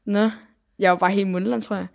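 A woman's voice: mid-range voice, fairly even intonation, vocal fry. A young woman co-hosting a podcast. She is blunt, drops English phrases into her talk, and gropes for words. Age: young adult. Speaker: podcast co-host. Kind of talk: casual chat.

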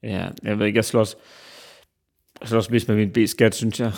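A man hosting a casual interview podcast, low-key, prompting his guest with questions and short replies. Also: flat delivery, vocal fry, darkish tone. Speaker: podcast host.

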